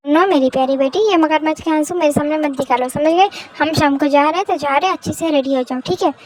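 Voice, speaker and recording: A woman's voice: high-pitched, quick pace, slight background noise, lightly acted. A woman playing a bossy scolding mother. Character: strict, scolding middle-aged mother. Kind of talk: Hindi fan-fiction voice story.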